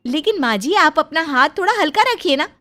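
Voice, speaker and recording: Woman doing a stressed young mom arguing with her mother-in-law, high pitched, cartoon. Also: expressive, brisk, pushed and bright. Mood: exasperated. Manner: anxious, pleading, rising to exasperation. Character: worried, frustrated young mother, daughter-in-law. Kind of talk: cartoon storybook voice acting.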